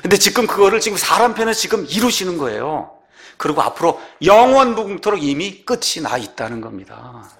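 A man's voice: sing-song, creaky, a bit bright. A man preaching a sermon, reading scripture aloud and asking his congregation rhetorical questions. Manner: reads scripture slowly, rises and drops sharply in pitch. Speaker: pastor.

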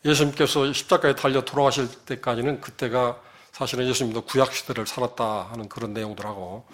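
A middle-aged man telling a personal faith testimony in an earnest, storytelling way. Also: mid-range voice. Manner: earnest storytelling, grows animated. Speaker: church member giving testimony.

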